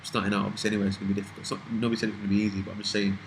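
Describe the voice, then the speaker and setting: Young british guy, twenties, lowish voice, casual rambling chat, swears a lot, faint hiss. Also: flat delivery, very fast, poor audio. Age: 20s. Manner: rambling, swears freely, trails off and restarts. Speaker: vlogger answering viewer questions.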